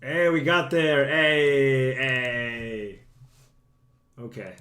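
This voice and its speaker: Young man, slightly hoarse from a cold, casual stream chatter, self-deprecating, talks to his chat at home. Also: mid-range voice, steady tone, very slow, fairly bright tone. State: slightly sick, losing voice. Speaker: streamer playing a card game. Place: home room.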